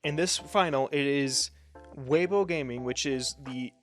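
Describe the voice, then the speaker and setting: A man co-hosting a podcast in casual chat, speaking haltingly with many starts and pauses. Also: medium pitch, faint music behind. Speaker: podcast co-host.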